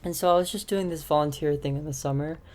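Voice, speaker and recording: A young adult aspiring teacher, she's a podcast guest giving relaxed interview answers, hesitant and full of "um" and "like." She talks fast in a low, slightly mellow voice with fairly even intonation, over slight background noise.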